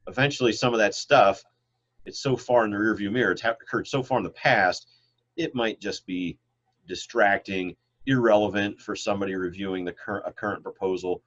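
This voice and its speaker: A middle-aged biology professor, who mentions he's congested, gives an online class lecture with questions over a video call, teaching loosely and rambling with lots of fillers. His voice is on the low side, fairly even and a bit bright, a little fast, and the call audio is dull and lo-fi.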